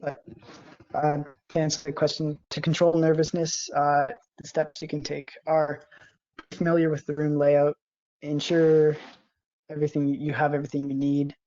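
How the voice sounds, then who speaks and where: A cadet flight sergeant giving a lesson over a video call, hesitant and monotone. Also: medium pitch, normal speed. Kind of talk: online class lesson. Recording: muffled video call audio.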